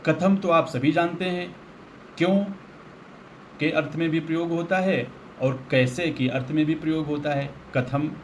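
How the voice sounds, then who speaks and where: A man's voice: a little high, slight background noise. A man teaching a Sanskrit grammar lesson, patiently explaining with everyday examples.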